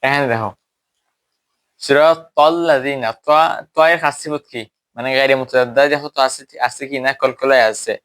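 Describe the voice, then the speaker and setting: A man's voice: mid-range voice, steady tone, quick pace, a bit bright. Man teaching recitation, answering his own questions. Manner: asks questions and answers them himself; stretches out Arabic words when demonstrating recitation. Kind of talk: classroom tajweed lesson. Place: teaching at a whiteboard.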